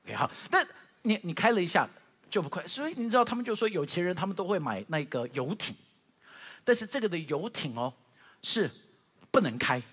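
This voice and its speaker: A man preaching a sermon as pastor, telling stories with strong emotion, moving from loud to hushed, with frequent stammered restarts. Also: high-pitched, big pitch swings, fairly quick, husky, in a large hall.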